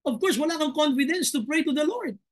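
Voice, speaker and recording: High-voiced Filipino pastor preaching. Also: male voice, animated. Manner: preaches in Taglish, reading Bible verses slowly, then pressing with rhetorical questions. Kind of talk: sermon.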